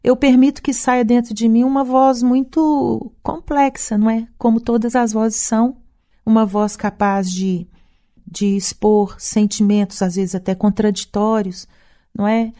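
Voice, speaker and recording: A woman's voice: on the high side, fairly even intonation, a little slow, warm tone. Reflective woman singer in an interview. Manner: thoughtful, often adds the tag question "não é?".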